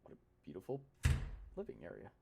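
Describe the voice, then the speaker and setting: A woman streaming a visual novel, reading its lines aloud in a dramatic low voice, with playful, giggly asides. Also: fast, phone-quality sound, very noisy.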